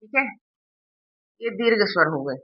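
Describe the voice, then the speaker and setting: A woman's voice: medium pitch, animated, moderate pace, muffled recording. A woman teaching a grammar lesson, asking her students questions and answering them herself, checking that they follow.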